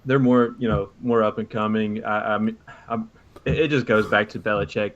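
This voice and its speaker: A man's voice: lowish voice, fairly even intonation, normal speed, slight background noise. A man co-hosting a sports podcast, talking football casually in a rambling way. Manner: rambling, many fillers and restarts. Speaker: podcast co-host. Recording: dull lo-fi mic audio.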